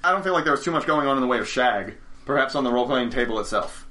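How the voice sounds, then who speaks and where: Talking rapid-fire with lively intonation, this game store owner spins stories on a studio podcast. The young man's mid-range, sharp-toned voice rambles along as he keeps correcting himself and chuckles often.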